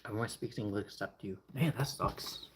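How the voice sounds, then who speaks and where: A young man who grew up speaking Ukrainian/Russian cooks on a livestream in his home kitchen, rambling and chatting with viewers and answering chat between tasks. His voice is lowish with a fairly bright tone, and he talks fairly quickly. The kitchen sounds echoey, with faint noise in the background.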